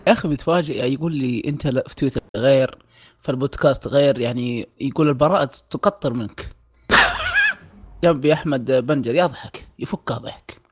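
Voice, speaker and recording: A man's voice: medium pitch, a little fast, darkish tone, husky. A young man, co-hosting a casual podcast, telling stories with animation and laughing a lot. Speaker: podcast co-host.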